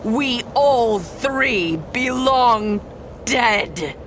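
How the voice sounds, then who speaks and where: Bride of Frankenstein, slow and vengeful. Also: female voice, fairly high pitch, expressive. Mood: triumphant doom. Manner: slow, solemn, dramatic, lapsing into whispers. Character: Bride of Frankenstein, vengeful undead created woman. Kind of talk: audio horror drama acting. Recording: noisy background.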